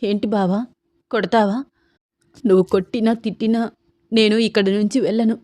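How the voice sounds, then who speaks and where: Narrator as stubborn young heroine, pleading, defiant, dry mic. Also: female voice, medium pitch, flat delivery, normal speed, darkish tone, dry recording, natural voice. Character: stubborn devoted young woman, cousin.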